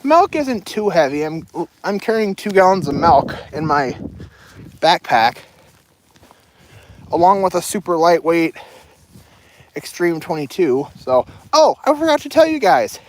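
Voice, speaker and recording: A woman's voice: on the low side, big pitch swings, measured pace, pauses often, darkish tone, slight background noise. A young adult woman chatting casually to her viewers while she walks outdoors with a loaded backpack, rambling from one topic to the next. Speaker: livestreamer. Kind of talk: casual walking livestream chat. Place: outdoors on a walk.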